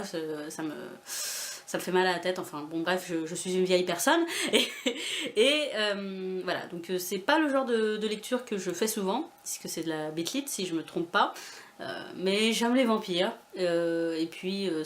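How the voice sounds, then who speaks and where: A woman from France chatting casually in a vlog about her book haul, with many fillers, restarts and self-mocking asides. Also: lowish voice. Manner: self-mocking, laughs often. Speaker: booktuber showing a book haul.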